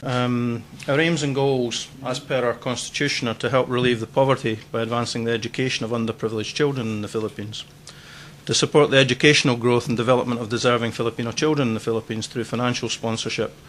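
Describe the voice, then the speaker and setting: Man calmly presenting a charity. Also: mid-range voice, fast talker, slight background noise. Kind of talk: speech to a networking event.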